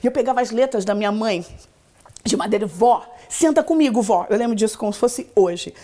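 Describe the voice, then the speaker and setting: A woman's voice: mid-range voice, fast, mellow. A woman with a Brazilian Portuguese accent, an English teacher telling stories in a casual podcast interview with enthusiasm and acted-out quotes.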